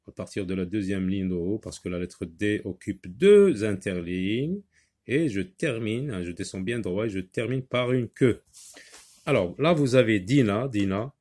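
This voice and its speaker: A man's voice: fairly low pitch, a little mellow. A man teaching a reading and handwriting lesson, patiently talking the class through each step.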